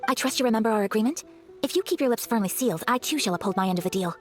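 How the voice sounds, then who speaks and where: An actress playing a gracious young noblewoman swordfighter in a video game, formal and precise, gentle but firm. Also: a little high, lively intonation, racing, lightly acted. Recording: music behind the voice.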